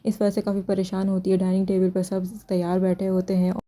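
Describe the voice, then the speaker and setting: A woman's voice: mid-range voice, completely flat delivery, mellow. A woman retelling drama episodes scene by scene, with critical remarks in between. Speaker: drama reviewer. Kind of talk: drama episode recap and review.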